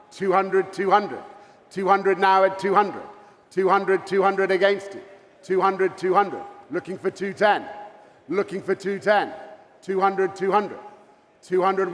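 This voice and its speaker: A high-voiced man runs a live sale as a fine art auctioneer. He repeats figures in a rolling chant and speaks courteously to bidders. His voice rings through a hall with long reverb. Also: a bit bright. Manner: repetitive chant of bids, courteous asides to bidders. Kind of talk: live auction bid-calling.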